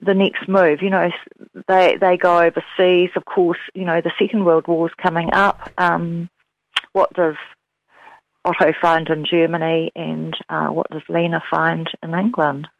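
A woman's voice: lowish voice, flat delivery, measured pace, vocal fry. A woman novelist, hesitant and full of fillers, talking about her book in an interview. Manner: hesitant, many fillers and restarts. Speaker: novelist guest. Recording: dull, lo-fi sound.

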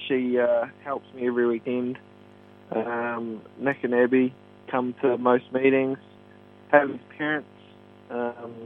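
Kiwi man on a tinny phone line. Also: mid-range voice. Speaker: stock car driver being interviewed. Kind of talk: casual interview. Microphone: phone call.

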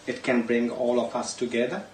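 A man's voice: mid-range voice, level tone, a little fast, a little mellow. A man with a Punjabi accent introducing himself, hesitant and full of uhs. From Punjab, India. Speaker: association member. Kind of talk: casual self-introduction. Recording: echoey room, distant mic, noisy.

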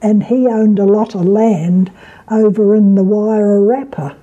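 An elderly woman with a New Zealand accent and a husky voice, reminiscing haltingly as she is interviewed at home. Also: medium pitch, fairly even intonation, warm tone, highs cut off. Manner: halting, reminiscing, with repeated words and pauses. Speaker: oral history interviewee. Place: at home, indoors.

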